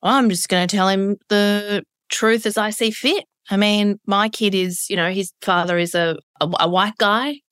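A woman's voice: medium pitch, steady tone, a little slow, hardly any pauses, a bit bright, clear, resonant tone, no echo, clean studio sound. Candid woman with broad Australian accent. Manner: candid, emphatic, piles up synonyms. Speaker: interview guest. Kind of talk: reflective conversational interview.

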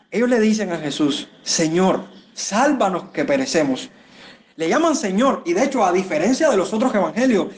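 Male pastor, higher-pitched voice, expressive sermon delivery aimed at the congregation. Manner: expressive preaching, pitch rising and falling for emphasis; addresses listeners directly.

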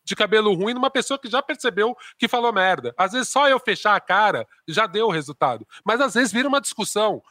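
A man with a notably high, bright, forceful voice talks animatedly in a casual group discussion. He is slangy and acts out quoted speech as he goes. The sound is dry and close, with no room ring. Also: expressive, a little fast, hardly any pauses, no echo. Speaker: discussion panelist.

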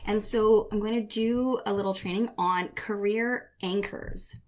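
A woman's voice: mid-range voice, fairly even intonation, a little slow. A middle-aged woman hosting a live online coaching session, chatting casually and often breaking off to rephrase herself. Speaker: career and leadership coach, summit host.

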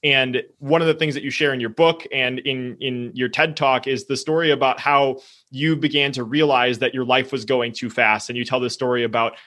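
A man's voice: medium pitch, steady tone, normal speed, bright, forceful tone. A man hosting a podcast, asking long, rambling questions with many fillers. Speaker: podcast host. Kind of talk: casual interview questions.

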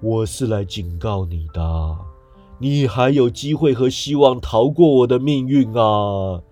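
A man's voice: medium pitch, expressive, warm tone, faint music behind. A man doing a mournful chained ghost. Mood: lamenting. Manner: slow, drawn-out, heavy delivery. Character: grieving chained male ghost, solemn and slow.

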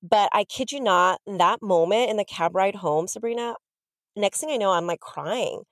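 A woman in her thirties from Southern California, telling her story as a podcast guest in a chatty, animated way. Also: medium pitch, moderate pace, no echo, clean studio sound. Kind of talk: casual interview storytelling.

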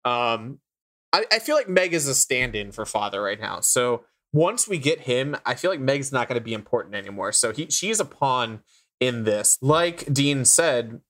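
Male podcast co-host, casual and rambling, mid-pitched voice, lots of ums. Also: a bit bright. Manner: rambling, many fillers.

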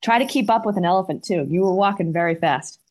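A middle-aged woman speaks with a Boston accent in a voice a little lower than average. Her delivery is casual and chatty, that of a guest talking through her work in an interview. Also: fast talker. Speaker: interview guest, arena marketing director.

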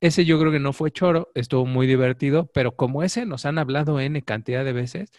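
A man's voice: mid-range voice, a little fast, no room sound, clean studio sound. A middle-aged man with a Mexican accent, chatting casually as a podcast co-host and acting out the voices in his stories. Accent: Mexican Spanish. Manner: animated storyteller, acts out quoted voices. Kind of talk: casual chat.

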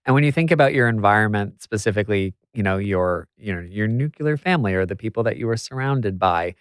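A man's voice: on the low side, animated, fast, clean tone, dry recording, clean studio sound. Bubbly American man hosting a podcast. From United States. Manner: bubbly, theatrical, playful. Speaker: podcast host. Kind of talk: upbeat podcast interview.

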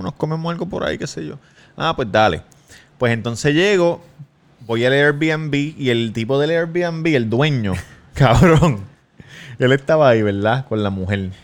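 A man in his thirties with a Puerto Rican accent tells a story in a relaxed, casual chat. His pitch swings widely as he acts out the conversations he describes, and he laughs often. His voice sits in the middle of the male range. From Puerto Rico. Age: 30s. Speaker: podcast guest.

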